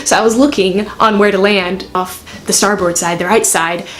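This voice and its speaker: A woman's voice: mid-range voice, steady tone, moderate pace, fairly bright tone. Chatty, candid young woman telling a story. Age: 20s. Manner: chatty, candid, self-deprecating. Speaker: student pilot vlogger. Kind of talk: casual storytelling to camera. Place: bedroom, indoors.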